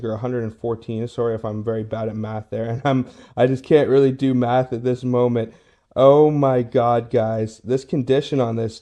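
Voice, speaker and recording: A man's voice: mid-range voice, dark tone. A man giving casual hobby vlog commentary to his viewers, full of awed exclamations. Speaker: host of a coin roll hunting video.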